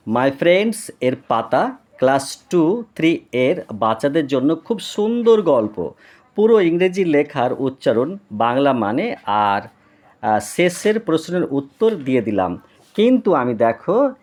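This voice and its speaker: Tutor for young pupils. Slow, deliberate reading with a lively, bouncy pitch. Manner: reads English slowly and clearly, then explains in Bengali. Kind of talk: reading and explaining an English lesson to children.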